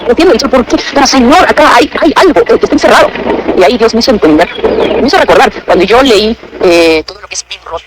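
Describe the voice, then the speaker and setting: A woman's voice: a little high, expressive, quick pace, noisy background. Fervent woman giving testimony. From Peru. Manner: fervent, repetitive, addresses listener as sister. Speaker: church member giving testimony. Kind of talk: emotional spoken testimony.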